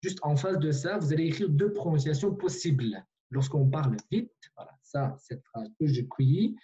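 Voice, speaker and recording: A man's voice: on the high side, expressive, normal speed, dark tone, lo-fi sound. A man teaching a language online in a patient way, repeating himself with many fillers and restarts, over a video call.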